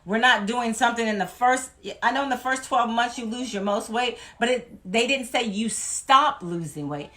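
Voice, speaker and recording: A woman's voice: fairly high pitch, moderate pace, few pauses, pushed and bright. A woman from Louisiana, giving an emphatic, folksy motivational talk as a weight-loss vlogger.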